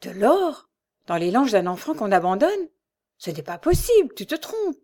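A woman's voice: fairly high pitch, sing-song, moderate pace. Woman reading as a tender poor mother. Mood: incredulous. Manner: gentle, earnest. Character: poor young mother, tender and devout wife. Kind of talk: audiobook character voice.

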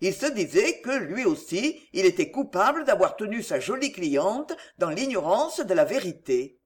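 A woman reading a classic novel aloud as narrator, measured and expressive. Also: mid-range voice. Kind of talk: audiobook narration.

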